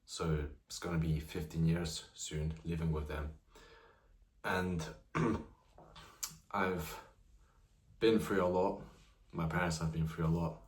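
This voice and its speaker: A man's voice: deep voice, fairly even intonation, slow, pauses often, roomy sound. A nineteen-year-old man talking casually to camera about his own life, rambling with lots of fillers. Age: young adult, nineteen. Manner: loose, rambling, many "you know" fillers. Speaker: vlogger. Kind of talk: casual personal talk to camera.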